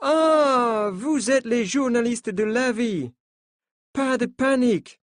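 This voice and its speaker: A man's voice: extremely high pitch, slow pace, dry recording, studio quality, voice pushed up. A man voicing a brash male American sports coach who insists he has everything under control. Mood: insistent. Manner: insistent, reassuring, talks over others.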